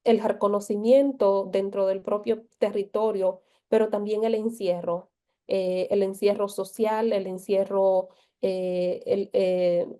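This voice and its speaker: A woman from the Republic, speaking as a guest in a reflective panel conversation, with frequent pauses and restarts. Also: medium pitch, fairly even intonation, warm tone. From Dominican Republic. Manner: slow, thoughtful, frequent hesitations and restarts.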